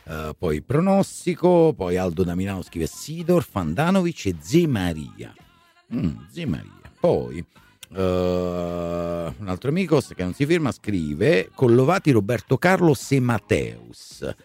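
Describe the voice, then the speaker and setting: A man's voice: sits low, huge pitch swings, a little slow, darkish tone, soft background music. A middle-aged man hosting a live radio show in a chatty, conversational way, often checking in with tag questions.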